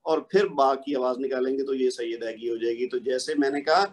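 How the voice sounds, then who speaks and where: A man teaching Quran recitation rules in a recorded online lesson, explaining patiently step by step and slowly reciting the examples. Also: mid-range voice, fairly even intonation.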